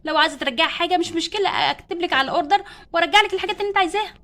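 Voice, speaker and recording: A woman's voice: extremely high pitch, racing, sharp tone, heavily acted. A woman voicing a polite, salesy shop saleswoman doll with an Egyptian Arabic accent.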